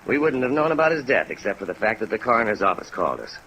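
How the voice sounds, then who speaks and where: An actor playing an earnest, discouraged American insurance claims man, halting and sincere, in a 1950s radio drama. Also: lowish voice, very animated, pushed and bright, heavily acted, poor audio. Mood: earnest, weary. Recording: vintage radio recording with rain noise.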